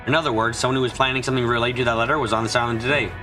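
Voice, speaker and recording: A let's-play streamer narrates a mystery visual novel dramatically, racing along in a pushed, bright, mid-range voice with fairly even intonation. A cold leaves his diction slightly congested and mushy. Soft music plays in the background.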